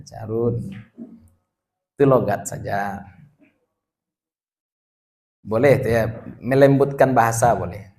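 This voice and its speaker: A man's voice: medium pitch, creaky. A man, an Islamic teacher giving a religious study lecture, reading and explaining a text line by line with chatty asides to his students. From Indonesia.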